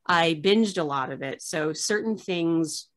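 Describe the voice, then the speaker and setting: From a small room hung with framed pictures, a thirtysomething archivist hosts a relaxed interview over video call. Her voice is fairly low and fairly bright, a little slow, and she chats along with plenty of fillers and false starts.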